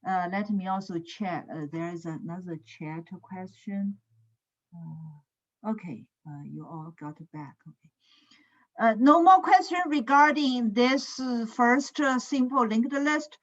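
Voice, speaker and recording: Slow-talking woman lecturing in a screen recording. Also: mid-range voice, animated, highs cut off. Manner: slow, with frequent "is it?" checks and "uh" fillers. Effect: screen-recorded online lecture audio. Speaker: computer science lecturer. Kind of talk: online class lecture. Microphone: computer mic on a video call.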